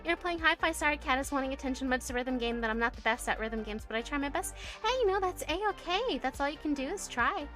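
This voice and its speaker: A woman from the United States with a high, expressive, slightly bright voice talks at a quick pace with few pauses, faint music behind her. She is streaming, reading viewer messages in casual chat that is giggly and loaded with fillers and restarts.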